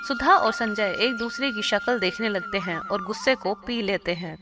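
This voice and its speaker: Female storyteller, scripted narration, loud music bed underneath. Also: medium pitch, wildly swooping pitch, moderate pace.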